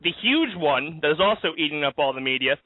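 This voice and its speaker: This host's voice runs on the high side, animated and slightly quick. He's doing a live-streamed comedy talk show from a backyard, laughing and cracking jokes while wandering through the news, all captured with a dry, tinny, phone-like sound.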